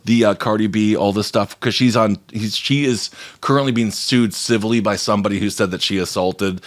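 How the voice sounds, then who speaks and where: A man's voice: on the low side, fairly even intonation, a little fast. A man from Boston hosting a casual comedy podcast, telling stories and joking, swearing freely. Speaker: podcast host.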